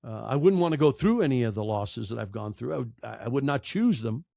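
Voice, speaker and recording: This American interview guest, a middle-aged podcaster and audiobook narrator, answers candidly, fast and with lively intonation, in an earnest, emotional, emphatic way. His voice is medium-pitched, gravelly and warm, and the studio-quality recording has no echo.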